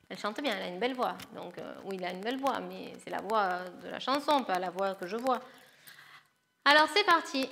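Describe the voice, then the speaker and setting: This woman's medium-pitched voice comes across bright and forceful as she teaches primary schoolers grammar. Patient and methodical, she explains each step and addresses the children as "les loulous".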